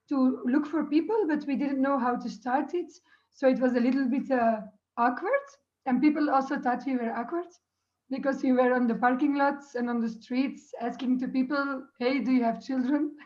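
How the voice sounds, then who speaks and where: Female filmmaker, Dutch accent, high soft-toned voice, casual interview storytelling, slightly muffled. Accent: Dutch or Flemish. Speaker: documentary filmmaker. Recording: slightly muffled online-call audio.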